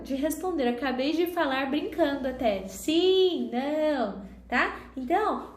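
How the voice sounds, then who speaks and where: A woman with a Brazilian accent teaching an English grammar class online, patiently explaining each step and checking in with her students. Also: high voice. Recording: echoey room with faint background noise.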